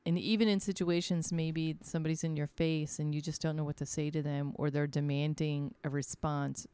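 A middle-aged woman in casual podcast chat, encouraging and quick to laugh. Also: sits low, flat delivery, mellow, clean tone, dry recording.

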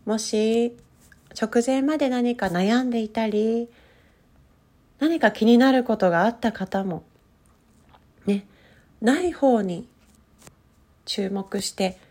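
A woman coach leading a guided breathing meditation in a soothing, gentle manner with drawn-out instructions. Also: a little high.

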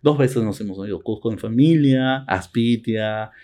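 Un hombre con acento peruano que, como copresentador, habla de forma reflexiva y bromista en una charla casual, con muchas muletillas. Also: male voice, fairly low pitch, moderate pace, mellow. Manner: reflective, teasing, with many fillers. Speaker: podcast co-host. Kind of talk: casual conversation.

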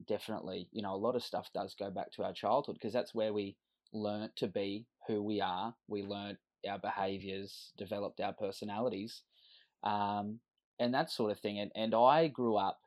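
On a podcast, an Australian-accented man in his thirties from Western Sydney shares his life story with earnest, reflective candor. He speaks at a normal speed in a fairly low, steady, darkish voice.

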